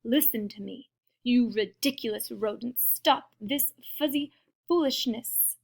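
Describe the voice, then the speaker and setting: A woman's voice: fairly high pitch, measured pace, gravelly. A woman voicing a bossy, blustering prairie dog in a children's storybook, speaking emphatically. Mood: scolding. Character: bossy snarling prairie dog, self-proclaimed fuzz king. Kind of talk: children's storybook read-aloud.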